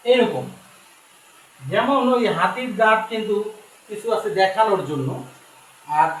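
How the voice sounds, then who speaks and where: A man's voice: high voice, a bit bright. A man with a Bangladeshi Bengali accent teaching a Quran reading lesson, patiently repeating and spelling out each letter. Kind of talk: slow step-by-step recitation lesson. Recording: very echoey room, distant mic, faint noise.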